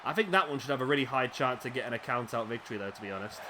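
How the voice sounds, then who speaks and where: Very fast and very noisy: a man with a medium-pitched, slightly raspy voice rattles off play-by-play for a wrestling video game. He's excitable at the big moves and keeps up chatty asides.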